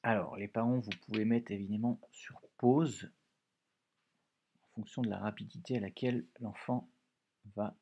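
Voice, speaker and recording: A man teaching, giving a dictation to young pupils, speaking slowly and stressing each dictated word clearly. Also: on the low side, mellow, lo-fi sound.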